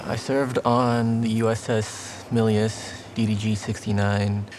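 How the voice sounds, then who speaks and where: A man's voice: lowish voice, level tone, a little slow, noisy background. A man in his twenties from Texas, a Navy veteran, speaking earnestly in a documentary interview with small restarts. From Texas, United States.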